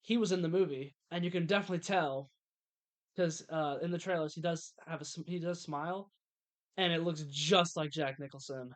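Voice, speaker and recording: A man's voice: a little high, fairly even intonation, normal speed. Eager young male podcast co-host. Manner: enthusiastic, stumbling restarts. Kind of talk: casual movie review chat.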